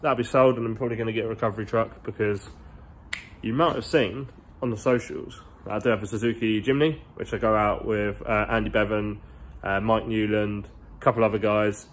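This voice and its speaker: A car vlogger in his twenties walks through a large indoor garage workshop, phone held at arm's length, chatting in a casual, rambling, slangy way. His voice is lowish and steady, a little fast, with slight background noise.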